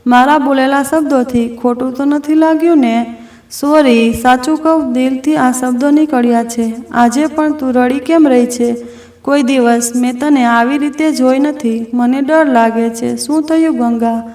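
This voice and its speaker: A woman voicing a gentle, devoted young male friend who speaks in a tender, caring way. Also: high-pitched, fairly even intonation, a little slow, faint music behind. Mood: worried. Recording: roomy echo from a distant mic.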